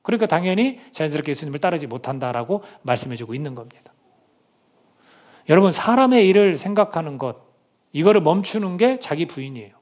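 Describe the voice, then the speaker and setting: A male pastor delivers a sermon in a notably high voice. He questions his listeners directly and reads scripture together with them. Now and then he breaks into dramatic quoted speech. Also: expressive, fast talker, a little mellow.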